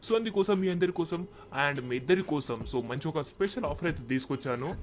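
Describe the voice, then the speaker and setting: A man voicing a persuasive recruiter pitching an offer in a game dub. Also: lively intonation, fast talker, lightly acted. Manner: persuasive, salesman-like. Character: smooth-talking male recruiter with an offer.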